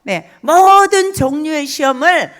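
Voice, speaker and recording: A middle-aged woman preaching a lively sermon, telling stories and acting out quoted speech, repeating phrases for emphasis. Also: high voice, slow pace.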